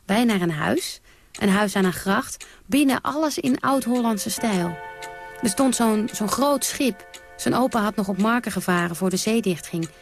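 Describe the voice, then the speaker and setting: A woman's voice: medium pitch, animated, normal speed, faint music behind, lightly acted. A woman playing a brash, defiant woman. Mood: recounting. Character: brash, defiant woman telling of wild nights. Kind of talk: theatrical radio monologue.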